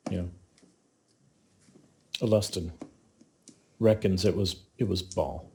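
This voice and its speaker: A man's voice: deep voice, steady tone, slow, vocal fry, darkish tone, a little hiss or hum. A man running a tabletop game as game master, giving dry, matter-of-fact rulings.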